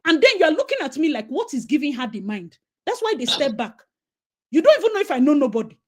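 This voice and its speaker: A high voice and a fast pace mark this Nigerian woman, who hosts a casual chat. Her Nigerian accent carries her animated storytelling, which often shifts into pidgin.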